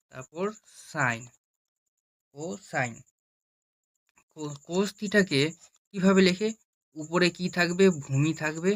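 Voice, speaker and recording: Slow, patient male math teacher. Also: on the high side. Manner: slow, repeats each step and asks questions to answer itself. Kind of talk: classroom-style lesson.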